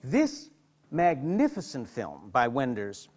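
A man's voice: medium pitch, wildly swooping pitch, takes it slowly, darkish tone, breathy edge. A middle-aged man, a psychotherapist, lecturing to an audience and telling stories animatedly, often repeating and restarting words. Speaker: psychotherapist giving a hospital lecture.

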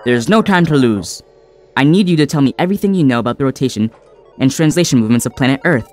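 A man's voice: medium pitch, expressive, fast, over music. A man voicing a robotic space commander who speaks in a terse, commanding way, his voice given a robot effect.

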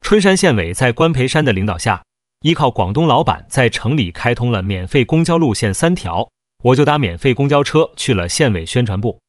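A man tells a long first-person story in a steady, even storyteller's read. His voice sits at a middle pitch. The recording is close and dry, with no room sound. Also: fairly quick, no echo. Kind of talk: first-person novel narration.

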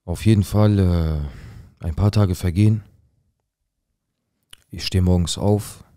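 A young man acting out a rough-talking, paranoid drug dealer who tells his own story in a dramatic monologue full of slang and swearing. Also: sits low, fairly even intonation, takes it slowly, warm tone, dry recording, studio quality. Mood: tense. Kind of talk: dramatic first-person monologue.

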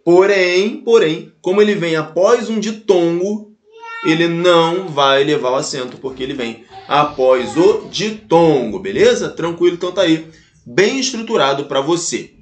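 Teaching grammar with animation, this Brazilian Portuguese teacher has a fairly high voice and a Brazilian Portuguese accent. He talks directly to the class, going over each example slowly and spelling it out to drive it home, while the audio echoes as if in an empty room.

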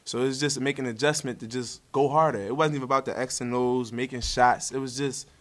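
A young man who plays college basketball talks casually and cheerfully at a post-game presser, using slang as he answers questions into a table mic in front of him. He speaks fast in a steady, mid-range voice.

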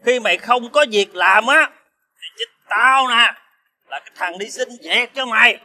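An actor playing a hot-tempered, drunk male ex-convict, shouting indignantly in a TV crime drama. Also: a little high, lively intonation, fast talker, slight background noise. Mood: drunk bitter.

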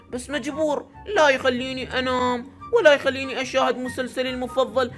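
A man's voice: extremely high pitch, a bit bright. A man with an Iraqi accent narrating a Minecraft machinima to his viewers in a playful, direct way. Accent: Iraqi Arabic. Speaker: YouTuber narrating as the cat.

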